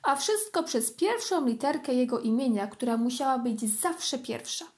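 High-voiced woman reading a children's story. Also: lively intonation, normal speed.

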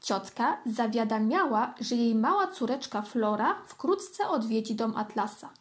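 A woman reads a children's storybook aloud with a high voice. Her reading is gentle and expressive, paced for young listeners. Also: measured pace.

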